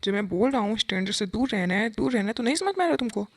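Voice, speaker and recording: A woman's voice: medium pitch, expressive. Woman voicing a stern secretive businessman dad. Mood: angry. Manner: scolding, commanding, grows heated and fast. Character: stern businessman father, short-tempered and secretive. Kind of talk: Hindi fan-dub audio drama.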